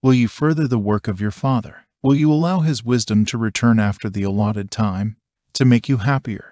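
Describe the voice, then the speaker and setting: A man reading the lines of an ancient male seer and magician, slow and solemn. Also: on the low side, warm tone, dry recording, studio quality, natural voice. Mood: solemn, searching.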